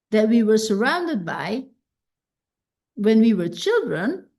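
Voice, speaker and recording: A Dutch-speaking woman coach leads a self-help masterclass at an unhurried, reflective pace, frequently checking in with "right?". Her voice is a little high and mellow.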